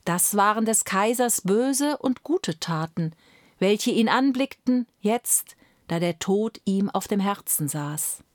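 Woman reading a fairy tale real slow, dramatic, dry close sound. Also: mid-range voice, expressive, no room sound. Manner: slow, dramatic, drops to whispers. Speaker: storyteller.

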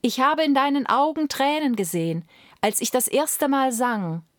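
A woman voicing a small, gentle female nightingale who talks lightly and kindly. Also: sits high, moderate pace, no echo, studio quality, voice pushed up, natural voice. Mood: tender. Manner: light, bargaining softly.

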